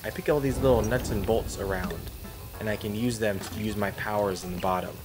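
A woman's voice: a bass voice, fairly quick. A woman chatting casually and playfully while gaming, exclaiming and repeating short phrases. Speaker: parent playing co-op game with child. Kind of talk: casual playful gameplay chat. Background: game music.

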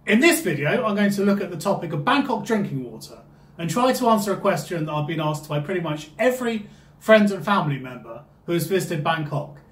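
A man's voice: sits high, lively intonation, a little fast, roomy sound. A man hosting his own channel, giving an upbeat, emphatic scripted explainer. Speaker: channel host.

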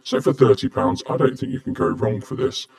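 A man's voice: mid-range voice, brisk, creaky, a little mellow. A man casually reviewing a gadget, speaking through a face mask in a plain, matter-of-fact way. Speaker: product reviewer.

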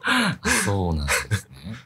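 A man hosting an interview casually, attentive and quick with agreement. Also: low-pitched, wildly swooping pitch, very noisy. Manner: attentive, frequent backchannel, easy laughter.

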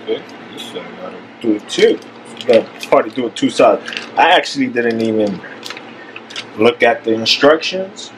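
In a noisy home kitchen, a thirty-something man vlogs with a handheld camera at arm's length, bantering playfully as he cooks. He talks at a moderate pace in a mid-range voice full of lively intonation.

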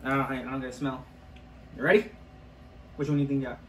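A man's voice: mid-range voice, flat delivery, fast. A man chatting casually and egging on his friend in competitive banter while eating gross jelly beans. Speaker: host of a food challenge video. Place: small room at a table, indoors. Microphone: camera a few feet away. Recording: roomy echo, faint background noise.

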